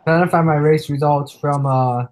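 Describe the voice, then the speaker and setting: A man's voice: on the high side, fairly even intonation, moderate pace, darkish tone, rough recording. Male host with a cold, loose and chatty, reading race results off a rundown. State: sick, coughing. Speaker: podcast host. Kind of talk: casual sim-racing recap chat.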